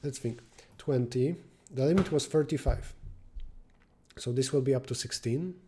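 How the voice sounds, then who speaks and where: Speaking at an ordinary pace in a mid-range, mellow voice with a darker colour, a man works through programming problems live, narrating his thoughts. He answers chat messages here and there and slips into murmuring when details get tricky. A little background noise is audible.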